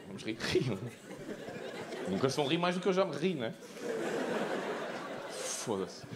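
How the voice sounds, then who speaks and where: A brash, profane stand-up comedian with a European Portuguese accent works a live theatre crowd, his voice a bit high and bouncing wildly between loud punchlines and muttered asides. The sound is roomy, with audience noise clearly heard around him.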